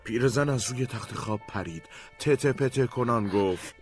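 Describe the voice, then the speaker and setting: A man narrating a radio drama in a measured, even storytelling voice. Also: mid-range voice, faint music behind. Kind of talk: scripted narration.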